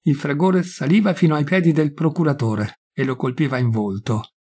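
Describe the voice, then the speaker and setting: A man narrating a literary audiobook in a measured, dramatic reading. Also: a little high, darkish tone, husky. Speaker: audiobook reader.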